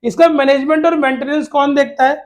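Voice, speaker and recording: A man with a very high-pitched voice teaches children an exam-prep lesson, firing off questions and answering them himself while repeating key words. He speaks fairly quickly with fairly even intonation and calls his students "beta" in a fatherly way.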